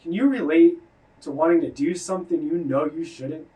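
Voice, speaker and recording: A man voicing his gentle, wise dead male friend, speaking slowly and softly. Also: a little high, far from the mic, close to an everyday voice, low-quality recording. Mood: gentle, calm. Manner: calm, slow, soft-spoken.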